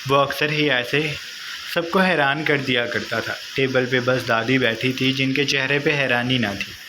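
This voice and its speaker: A man reading a romance novel aloud in steady scripted narration. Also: mid-range voice, moderate pace. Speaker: novel reader. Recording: noisy home recording.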